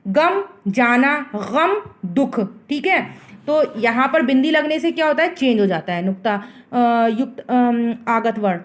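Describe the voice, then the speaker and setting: A woman's voice: on the high side, moderate pace. A woman teacher explaining grammar to children, asking questions and answering them herself while she mixes in English words. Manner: asks the class questions and answers them herself, repeats each word.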